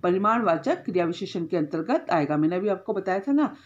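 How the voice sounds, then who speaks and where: A woman's voice: on the low side, expressive, fairly quick, muffled recording. A woman teacher giving a grammar lesson to schoolchildren, explaining step by step, often checking in with a short tag question and correcting herself as she goes.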